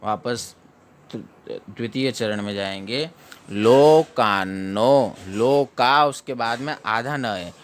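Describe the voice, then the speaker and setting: Male recitation teacher, unhurried, splits words into syllables and repeats them. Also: mid-range voice, fairly bright tone. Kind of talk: slow syllable-by-syllable chanting lesson.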